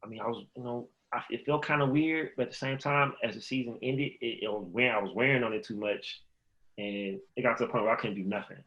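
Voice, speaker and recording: A man's voice: medium pitch, fairly even intonation, quick pace, a bit bright, dull audio. A man in his thirties from the Chicago area, a podcast guest telling a rambling story and acting out remembered conversations. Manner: rambling, acts out remembered dialogue. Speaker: podcast guest, former pro basketball player. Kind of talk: casual storytelling interview.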